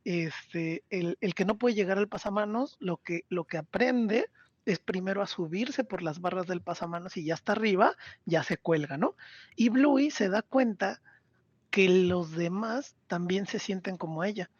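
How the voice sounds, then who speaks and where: A man with a Mexican Spanish accent talking casually on a podcast, retelling scenes with lively acted-out quotes. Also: sits high, a little slow, husky, dry recording, highs cut off. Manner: animated storyteller, acts out character quotes. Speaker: podcast co-host.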